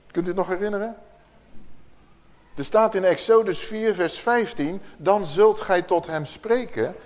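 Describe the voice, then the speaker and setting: A man gives Bible teaching to a listening room. His voice sits a little high and moves up and down a great deal. He reads verses out with strong emphasis and keeps asking his hearers questions. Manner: lively, asks the audience questions, reads scripture with emphasis. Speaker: preacher. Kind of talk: Bible teaching to a live audience.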